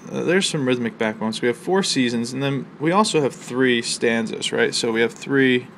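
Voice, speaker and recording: A man teaching a college literature lesson, explaining a poem's rhythm and imagery in a measured way with fillers and pauses. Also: medium pitch, vocal fry, a bit bright, a little hiss or hum. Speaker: college instructor. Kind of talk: recorded literature lecture. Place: outdoors near a library.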